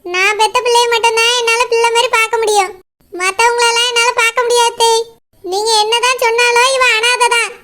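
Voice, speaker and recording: A woman's voice: very high voice, fairly even intonation, fairly quick, background noise. A woman voicing a bitter, complaining middle-aged mother-in-law in a cartoon. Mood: resentful. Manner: resentful, whining. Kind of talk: cartoon voice acting.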